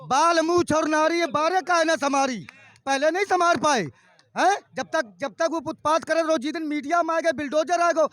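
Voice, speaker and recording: A man's voice: very high voice, moderate pace, fairly bright tone, no room sound. A man, answering a reporter's questions in an emphatic, argumentative way. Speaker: interviewee. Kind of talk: street interview debate.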